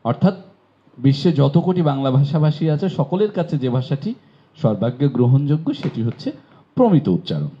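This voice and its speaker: A man's voice: mid-range voice, big pitch swings, brisk. Man from bangladesh giving a pronunciation lesson, voice rises and falls a lot, muffled recording. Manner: explains patiently, repeats and asks rhetorical questions. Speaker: Bengali pronunciation teacher. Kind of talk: classroom lecture. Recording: dull lo-fi recording.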